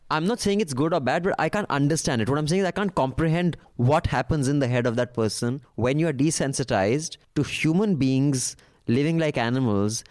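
A man co-hosting a casual, opinionated podcast chat in a blunt, ranting, sweary way. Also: on the high side. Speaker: podcast co-host.

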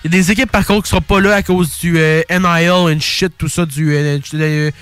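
A young man with a Québécois accent chats about sports in an excitable, slangy way, swearing freely. His voice sits a little on the high side, and faint music plays beneath him. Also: quick pace, smooth, dry recording. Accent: Québécois French. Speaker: podcast host. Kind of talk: casual sports chat.

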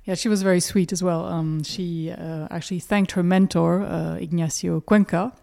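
Creaky, mellow, slightly tired woman. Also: lowish voice, fairly even intonation, moderate pace. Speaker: podcast co-host. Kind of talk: casual chat.

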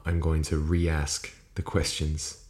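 A man's voice: extremely low pitch, monotone, takes it slowly, a little mellow. A young Irish man hosting a solo podcast in a casual, rambling, sweary way, recorded on a podcast microphone in an echoey room. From Ireland. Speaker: podcast host. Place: small room, indoors. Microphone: USB podcast microphone. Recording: echoey room with poor acoustics.

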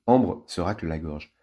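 A man's voice: low voice, breathy edge. A man reading a children's novel aloud, playfully and with lots of expression. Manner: lively, playful. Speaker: storybook reader.

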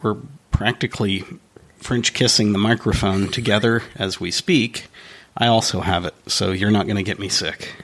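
A man's voice: fairly low pitch, fairly even intonation, moderate pace, a bit bright. A man co-hosting a casual podcast with dry, self-deprecating jokes and comic banter. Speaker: podcast co-host.

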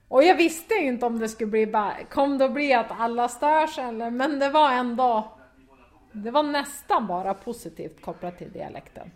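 A young woman with a broad Västerbotten dialect, answering interview questions casually and with lots of hesitations. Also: fairly high pitch. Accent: Västerbotten Swedish dialect. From Skellefteå area, northern Sweden. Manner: hesitant, many fillers, laughs often. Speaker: football pundit, former player.

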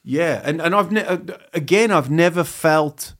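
In a candid interview chat, an English comedian in his fifties pokes fun at himself in a rambling way, breaking off and restarting and throwing in brief put-on voices for laughs. His voice is a little high and a bit bright, with lively intonation, and his English accent hints faintly at New Zealand.

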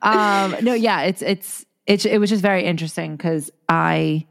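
A young woman co-hosts a laid-back chat podcast in Los Angeles, rambling along with lots of fillers and restarts. Her voice is lowish and creaky, and she talks at a normal speed.

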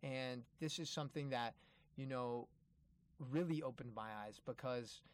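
A man's voice: medium pitch, measured pace, no room sound. A man giving an informal, earnest motivational talk, addressing listeners directly and repeating key phrases for emphasis. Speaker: motivational travel speaker.

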